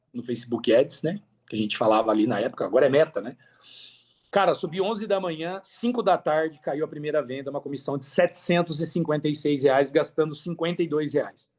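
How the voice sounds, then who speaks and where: A Brazilian man with a fairly quick, somewhat high, slightly mellow voice is a podcast guest telling his story candidly. He's talkative and conversational, sprinkling in slang and frequent tag questions.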